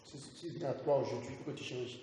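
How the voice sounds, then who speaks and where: Insistent man, echoey and quiet. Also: medium pitch, fast. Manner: insistent, repeats his point.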